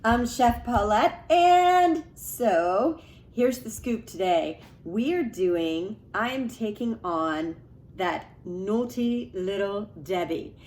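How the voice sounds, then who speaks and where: A woman's voice: a little high, lively intonation, takes it slowly, darkish tone. A woman hosting a casual cooking video in a chatty, emphatic way, drawing out some of her phrases. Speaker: cooking show host. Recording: echoey room with faint background noise.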